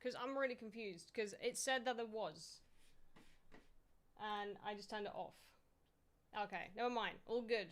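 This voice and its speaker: A young woman streaming live, chatting casually with viewers, excitable and swearing freely as she thanks them. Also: medium pitch, a little slow, long pauses.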